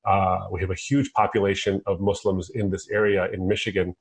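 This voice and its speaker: A middle-aged American man with a deep, fairly flat voice talks fairly quickly as a guest over a phone line. In this conversational interview he earnestly tells his own story, quoting himself in asides.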